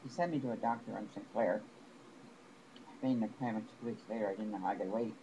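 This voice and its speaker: Aggrieved man rambling over a noisy recording. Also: on the low side. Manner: rambling, aggrieved, with halting restarts. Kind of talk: personal complaint to camera.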